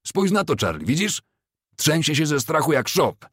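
A man voicing a boisterous, scornful young male cavalry soldier, loud and mocking. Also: a little high, big pitch swings, moderate pace, breathy edge, no echo, studio quality, pitched above the performer's own voice, full character voice.

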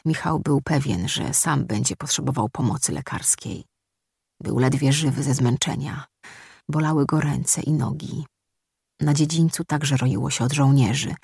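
An audiobook narrator reading a story in a steady, measured way. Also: medium pitch, creaky, breathy edge, no echo, clean studio sound. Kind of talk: scripted narration.

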